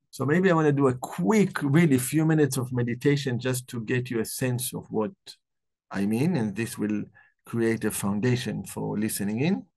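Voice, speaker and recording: A man hosting a live book club, talking about the book and then slowly leading a guided meditation in a soft, calm voice. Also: medium pitch, creaky. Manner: slow, soft-spoken guiding voice. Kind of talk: live talk.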